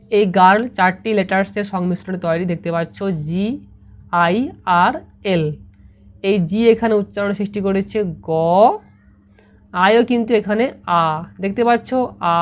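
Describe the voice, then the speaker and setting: A woman with a Bengali accent, speaking as a patient teacher explaining a lesson to her pupils. She sounds each word out slowly and keeps asking whether they understand. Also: medium pitch. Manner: patient, repeats words slowly, asks "ঠিক আছে?" often. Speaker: English teacher.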